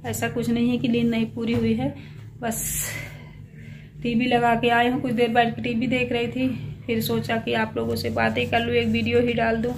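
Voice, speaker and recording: A middle-aged woman who runs a small family vlog chats confidingly to viewers while alone at home, rambling and sounding unwell, tired, and slightly breathless. Her voice is a little high and monotone at normal speed, recorded on a clearly noisy handheld phone.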